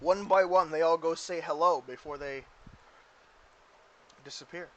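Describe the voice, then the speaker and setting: A woman with a somewhat low voice runs a tabletop game. She narrates loosely and playfully, often pausing on "like.". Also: muffled recording. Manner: casual, giggly, with many "like"s. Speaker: game master.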